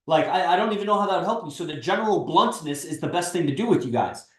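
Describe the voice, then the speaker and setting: In an echoey room, a stream host and coach in his thirties delivers a casual pep talk on his livestream at a quick pace. His high-sitting voice is expressive, and he speaks bluntly, persuasively, and with plenty of swearing.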